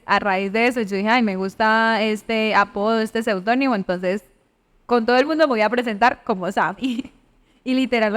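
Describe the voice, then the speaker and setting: A woman in her thirties with a Santander Colombian accent, a podcast guest chatting casually and laughing often. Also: mid-range voice. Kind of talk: casual interview chat.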